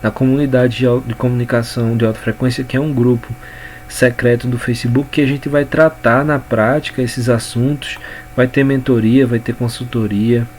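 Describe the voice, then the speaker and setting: Brazilian man teaching in unhurried speech. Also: medium pitch, a little mellow, a little hiss or hum. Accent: Brazilian Portuguese. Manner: unhurried, repeats words and restarts phrases while explaining. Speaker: communication coach. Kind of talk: informal spoken lesson.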